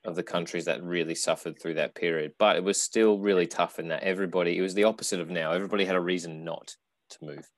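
A very low-voiced man hosts a relaxed podcast chat. He talks things through at length and in a thoughtful way. The sound is close and dry, with no room around it. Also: fast, dry recording. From Australia. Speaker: podcast host. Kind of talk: casual podcast conversation.

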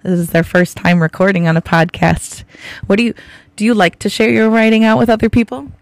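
A woman with a raspy, gravelly voice, hoarse from laryngitis, hosting a podcast and gently prompting young guests with simple, encouraging questions. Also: medium pitch, level tone, a little fast, dry recording. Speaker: podcast host, school teacher or librarian. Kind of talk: friendly podcast interview with children.

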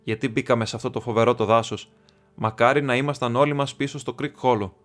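A man's voice: mid-range voice, steady tone, natural voice. A frightened young male hobbit in a desperate fix, as a man reading aloud voices him. His speech comes out agitated and urgent, at times breaking into cries. Faint music sits behind the reading. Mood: angry. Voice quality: agitated, crying out. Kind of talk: audiobook reading.

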